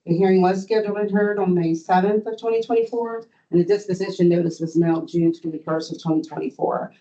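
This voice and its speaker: Board admin giving formal meeting report, kinda halting, really mellow voice, muffled audio. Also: mid-range voice.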